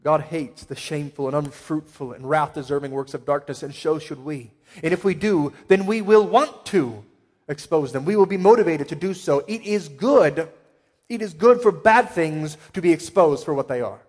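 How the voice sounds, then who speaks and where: A male pastor preaching a sermon with emphatic swells and quiet asides. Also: a little high, moderate pace. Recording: long hall reverb.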